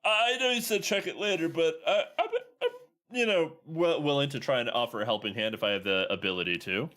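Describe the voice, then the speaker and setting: A man's voice: medium pitch, fast, pushed and bright. A man streaming a video game, informally thinking aloud and talking to his chat. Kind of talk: casual livestream gameplay commentary, talking to chat.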